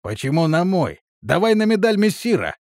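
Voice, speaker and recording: A man voices a brash storybook wizard-guard in a raised, rowdy pitch. He booms and crows with lively swings. The sound is dry and close. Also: moderate pace, no echo. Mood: mocking. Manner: shouting, boisterous. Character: fiery brash male wizard-guard, rough and reckless.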